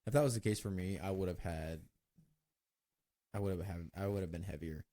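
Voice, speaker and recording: A man's voice: deep voice, fairly quick, warm tone, slight background noise. A man in his twenties co-hosting a casual chat, easygoing and fond of saying "dude". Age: 20s. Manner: easygoing, says "dude" a lot. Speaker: podcast co-host.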